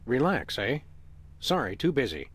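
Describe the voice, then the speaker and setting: An actor voicing a deadpan dog detective in a video game, delivering dry quips. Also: male voice, medium pitch, unhurried, a little hiss or hum.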